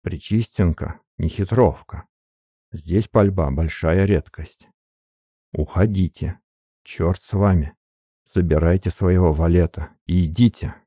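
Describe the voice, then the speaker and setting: A man voicing a suave, weary older privy councillor in an audiobook, slow, measured and courteous. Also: low voice, dark tone, breathy edge, no room sound, clean studio sound. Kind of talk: audiobook character reading.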